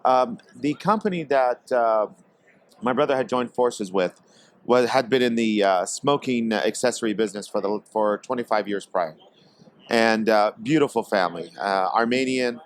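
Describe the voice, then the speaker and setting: A man from Portland, Oregon, guest on a podcast, speaking hesitantly with many pauses and fillers. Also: medium pitch. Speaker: guest, tobacco company executive. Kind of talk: casual podcast interview. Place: trade expo.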